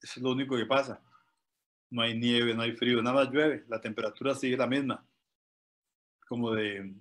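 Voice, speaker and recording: Guy w a husky voice, earnest motivational storytelling. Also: mid-range voice. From Costa Rica. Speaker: motivational speaker.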